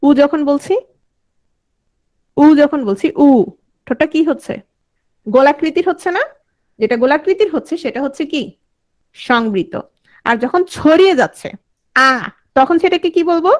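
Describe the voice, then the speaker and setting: A woman's voice: sits high, animated, moderate pace, long pauses, darkish tone. A woman teaching a class, sounding out vowels and quizzing her students. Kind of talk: online class lecture.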